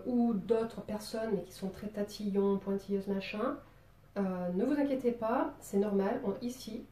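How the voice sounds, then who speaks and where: A playful drawing teacher from Marseille, with a southern French accent, talks through a tutorial loosely and chattily, dropping in lots of little fillers. Her mid-range voice is dark and mellow, and she sits far from the mic in a roomy, echoey space.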